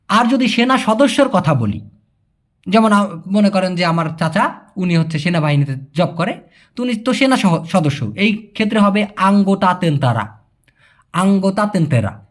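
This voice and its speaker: A young man from Bangladesh teaching Malay in a casual way, answering viewer questions, chatty and repeating key words slowly. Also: high voice. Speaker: language teacher.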